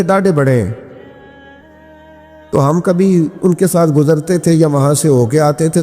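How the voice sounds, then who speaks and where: A Pakistani Punjabi man with a high voice preaches an impassioned, rhetorical sermon, speaking slowly and emphatically with swelling exclamations. He weaves in stories and recites Punjabi verse. Music plays behind him in an echoey hall.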